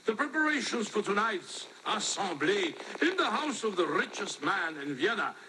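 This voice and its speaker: Man playing a self-important opera majordomo in a rush, high and swooping, noisy archive tape. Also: big pitch swings, normal speed. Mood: haughty. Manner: reads the same lines in shifting put-on accents. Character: pompous, hurried male majordomo in an opera house.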